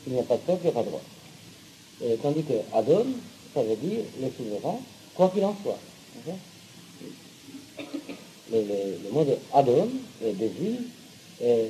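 A man teaching Hebrew and Torah gives a classroom lecture, hesitating with fillers and repeated words, frequently checking that listeners are following, and dropping blunt, sarcastic asides. His medium-pitched voice has a dark tone, and the poor-quality audio carries a little hiss or hum.

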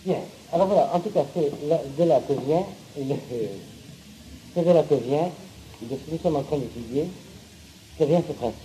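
A man's voice: on the high side, normal speed, mellow, slight background noise, rough recording. A man teaching a class, often checking that listeners follow, hesitant with fillers and blunt, sarcastic asides. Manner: hesitant, with fillers and repeated words. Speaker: teacher of Hebrew and Torah. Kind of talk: classroom lecture.

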